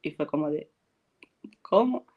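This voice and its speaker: A woman's voice: on the low side, moderate pace, narrow, tinny audio. A woman, an actress from Spain, chats easily in an interview. She tells her stories with lots of life, acting out quoted lines and often breaking into laughter. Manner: animated storyteller, acts out quotes and laughs a lot. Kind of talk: casual interview chat.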